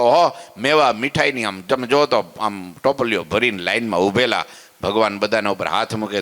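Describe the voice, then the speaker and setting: Animated male preacher in an echoing hall. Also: fairly low pitch. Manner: animated storyteller, exclaims and drops to hushed asides. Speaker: preacher giving a religious discourse. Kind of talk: sermon storytelling.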